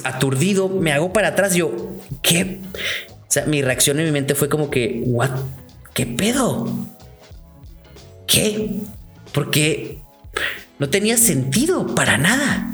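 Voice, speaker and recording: A young Mexican man with a slightly high voice spins a casual storytime in an animated, slangy way, tripping over restarts as he goes. Soft music plays faintly underneath. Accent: Mexican Spanish.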